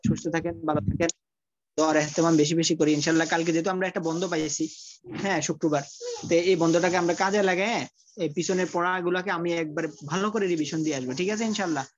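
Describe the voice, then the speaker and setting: A man teaching Quran recitation in an online class, speaking colloquially, often repeating himself and sounding out syllables slowly. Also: fairly high pitch, steady tone, muffled recording.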